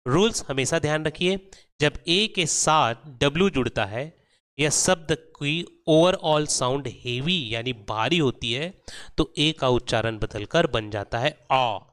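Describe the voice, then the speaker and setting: A man narrating a scripted pronunciation lesson, explaining rules slowly and drawing out each example word. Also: mid-range voice, fairly bright tone, smooth. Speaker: English pronunciation teacher.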